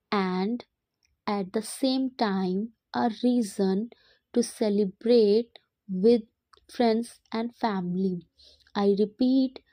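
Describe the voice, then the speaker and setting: A woman teacher dictating an English passage in short, separated phrases, pausing deliberately between them. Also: mid-range voice, mellow, dry recording. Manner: dictating word group by word group with deliberate pauses.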